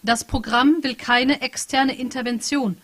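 A woman voicing a rogue computer program, speaking slowly with formal, measured phrasing at an author reading. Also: high voice, fairly even intonation, a bit bright, pitched above the performer's own voice. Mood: flat. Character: stiff literal-minded rogue computer program. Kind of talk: author reading a novel aloud.

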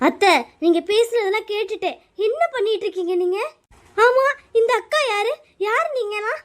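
Woman doing a scared pregnant young wife in a cartoon, super high voice, pleading and teary. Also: normal speed. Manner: pleading, tearful. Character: frightened pregnant young daughter-in-law, pleading. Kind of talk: cartoon voice acting.

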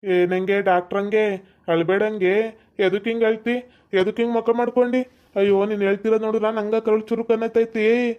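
A woman's voice: mid-range voice, flat delivery, normal speed. A woman with a North Karnataka Kannada accent, scolding and pleading in a village skit. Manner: scolding, pleading, dialect-heavy. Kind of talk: scripted village comedy-drama. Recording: dull lo-fi sound.

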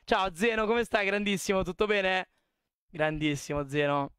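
A young male streamer chats loosely with his viewers, cursing freely as he talks. His voice is high and smooth, and it is recorded close and dry on a desk mic. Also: normal speed, a bit bright, no echo. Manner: chatty, swears a lot, talks to chat. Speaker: live streamer. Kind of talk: casual live-stream chat.

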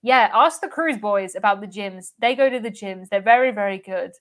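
A young British woman hosts a cruise live stream in a mid-range, fairly bright voice at a normal speed. She chats casually, reads out viewer comments, laughs often and repeats words.

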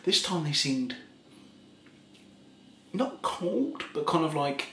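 A tipsy man in his thirties telling a rambling ASMR story in a soft voice, chuckling often and slipping into half-whispers. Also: fairly high pitch, lively intonation, slow. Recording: roomy echo, faint background hiss.

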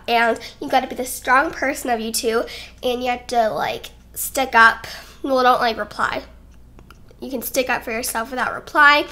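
A high, bright young woman talks casually to her channel from home, rambling and giggly between points. She sounds a little out of breath, recorded close on a desk mic. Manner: chatty and rambling, giggly, self-conscious. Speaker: YouTuber. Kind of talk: casual sit-down vlog talk. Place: home, indoors. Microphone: desk microphone.

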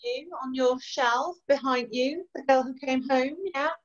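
An author in her forties from East Yorkshire, England, chats enthusiastically and laughs easily during a casual video-call interview from a home room lined with bookshelves. Her accent mixes Yorkshire and Irish, and her voice sits high with fairly even intonation at a measured pace. The call audio is dull and lo-fi.

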